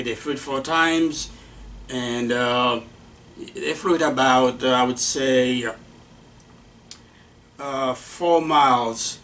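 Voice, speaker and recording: A man lectures on early aviation, stopping often and restarting his sentences with plenty of fillers. He talks slowly at a middling pitch. The mic sits some distance away and picks up a faint hiss. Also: a bit bright. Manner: halting, many fillers and restarts. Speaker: aviation instructor. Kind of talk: unscripted lecture.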